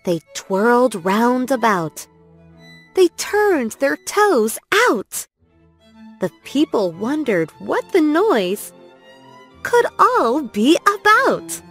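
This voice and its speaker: A woman reading children's stories and rhymes in a gentle, lilting way. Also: high voice, big pitch swings, extremely slow. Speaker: storyteller. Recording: soft music under voice.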